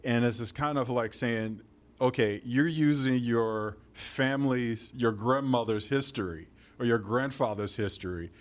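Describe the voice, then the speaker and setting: A man from Chicago hosts a podcast interview, and his delivery is easygoing and conversational. His voice sits at a middle pitch. He is recorded on location at a museum. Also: a little slow. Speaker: podcast host. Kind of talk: casual interview chat. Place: museum near a university campus.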